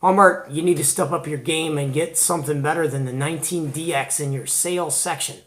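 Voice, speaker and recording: A man with a slightly high, fairly bright voice talks a little fast. He hosts a CB radio hobby show, giving casual, chatty show-and-tell commentary in informal, slangy language.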